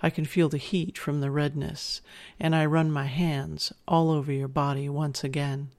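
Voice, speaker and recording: An intimate narrator of erotic audio with a mid-range voice and plenty of gravelly fry. The delivery is measured and addressed straight to the listener, in the role of a dominant partner. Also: medium pitch, little pitch movement, darkish tone.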